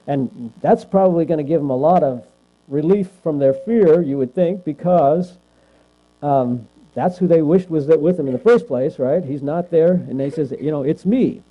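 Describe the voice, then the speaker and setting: It's a man with a fairly high, expressive voice at a normal speed, teaching a Bible class in a conversational way. He regularly puts questions to the class and checks understanding with "right?". The lo-fi recording has mains hum.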